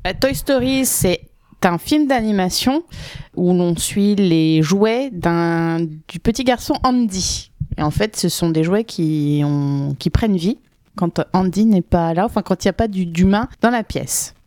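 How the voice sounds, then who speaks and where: A woman's voice: lowish voice, expressive, dark tone, dry recording. Woman cohost teasing the guys, dry close sound. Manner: teasing, quick retorts. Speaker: podcast co-host. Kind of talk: casual chat.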